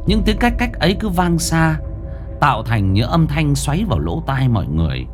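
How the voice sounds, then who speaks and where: A man narrating a ghost story in a dramatic, expressive reading. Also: fairly high pitch, moderate pace, over music. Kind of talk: scripted horror narration.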